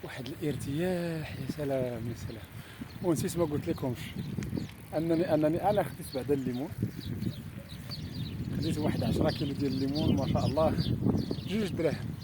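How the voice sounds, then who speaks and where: A man's voice: a little high, fast, pauses often. A man with a Moroccan accent chatting casually as an outdoor cycling vlogger, exclaiming in admiration and repeating his phrases. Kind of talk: casual outdoor vlog chat. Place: outdoors in the countryside while cycling. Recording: very noisy outdoor recording, wind and ambience.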